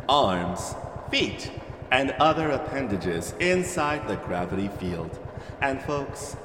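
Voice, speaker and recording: [name], a man playing a hammy ride captain. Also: mid-range voice. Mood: showy welcome. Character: folksy cheerful male theme-park ride captain. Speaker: ride narrator. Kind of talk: scripted ride spiel. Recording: echoey hall with background noise.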